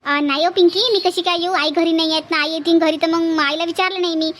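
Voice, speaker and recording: A woman's voice: extremely high pitch, steady tone, fast talker, a bit bright, slight background noise. A woman voicing a shy young wife who fears her mother-in-law, in a village cartoon. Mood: hesitant.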